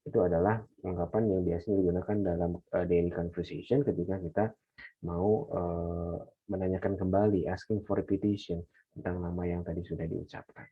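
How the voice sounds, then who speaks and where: A man teaching an English class, explaining in a relaxed way and slowing down to model English phrases. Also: deep voice, slightly rough, faint music behind. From Indonesia. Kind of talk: online class lecture. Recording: dull lo-fi lecture recording.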